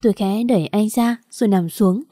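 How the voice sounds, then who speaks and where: A woman's voice: medium pitch, normal speed, warm tone, no room sound, clean studio sound. A woman narrating a first-person story in an emotional, earnest way.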